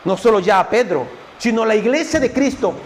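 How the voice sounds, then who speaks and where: A man's voice: high-pitched, animated, fairly quick. A man preaching a fervent sermon at a church service, speaking straight to his congregation. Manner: fervent, directly addressing the congregation as brothers.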